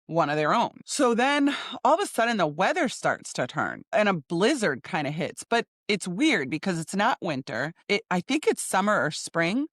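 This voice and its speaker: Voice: medium pitch, fairly bright tone, no echo, studio quality. A podcast host giving a casual, chatty recap of a TV episode, thinking aloud with small laughs and restarts.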